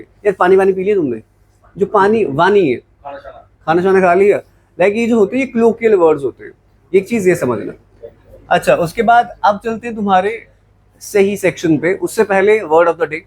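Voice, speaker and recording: A man's voice: high voice, expressive, moderate pace, darkish tone, breathy edge, rough recording. A man teaching English words in a classroom lecture, mixing Hindi with English and asking and answering his own questions. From Jammu, India.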